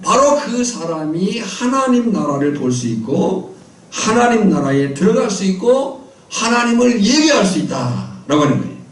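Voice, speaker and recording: A man delivers a sermon in a fairly high voice, firing questions at his congregation and chanting lists of phrases back to them. The sound is roomy and distant, picked up from across a small church, with a faint hum of ambience behind it. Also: very animated, moderate pace. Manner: quizzes the congregation with call-and-response questions; repeats key phrases in a rhythmic list. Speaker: pastor.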